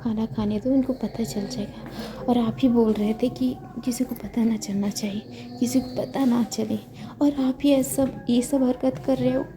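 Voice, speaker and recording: A woman voicing a shy, flustered young woman in love who pleads in a hushed voice. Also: high-pitched, steady tone, measured pace, creaky, background noise.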